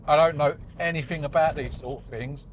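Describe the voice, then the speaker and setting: A man's voice: fairly high pitch, fairly quick. Chatty man in his forties. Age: 40s. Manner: rambling, chatty and self-deprecating. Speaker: vlogger. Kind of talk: casual chat while driving. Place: inside a car on the road. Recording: slightly dull audio with faint road noise.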